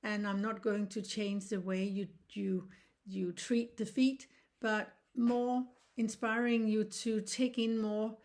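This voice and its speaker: Her voice is mid-range with a darkish tone: a reflexology teacher from Denmark, in her sixties, giving an informal online lesson. English is her second language, so her earnest explanations come haltingly, with frequent restarts.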